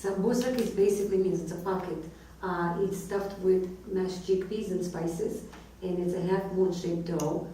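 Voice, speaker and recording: A woman's voice: fairly low pitch, fairly even intonation, normal speed, mellow. A woman in her forties, a native Russian speaker born in Azerbaijan who grew up in Israel and America, chatting casually as an interview guest. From born in Azerbaijan, grew up in Israel and the United States. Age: 40s. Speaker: guest, restaurant owner. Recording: distant mic in echoey room, faint noise.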